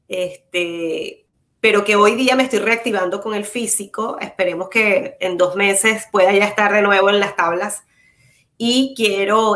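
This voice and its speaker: A woman's voice: medium pitch, a bit bright. A woman, a theater actress, answering as an interview guest, explaining with fillers along the way. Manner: explains with fillers like "este" and "fíjate". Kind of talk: casual conversational interview.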